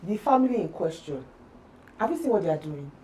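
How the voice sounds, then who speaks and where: A woman's voice: lowish voice, big pitch swings, fairly quick, a loud crowd, low-quality recording. A young woman from Nigeria co-hosting a casual podcast chat, talking with heated emphasis. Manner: impassioned, emphatic. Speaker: podcast co-host.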